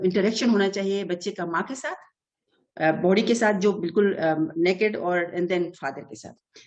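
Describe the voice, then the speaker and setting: A woman's voice: on the low side, darkish tone. Earnest woman explaining child development. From Pakistan. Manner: earnest, mixes many English terms, frequent hesitations. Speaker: early childhood development expert. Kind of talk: explanatory interview answer.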